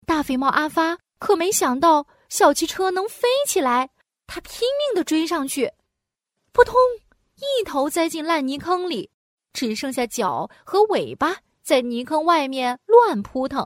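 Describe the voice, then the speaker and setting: A woman narrating a children's storybook in an animated, sing-song way, with playful sound words. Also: high-pitched, measured pace, no room sound, clean studio sound.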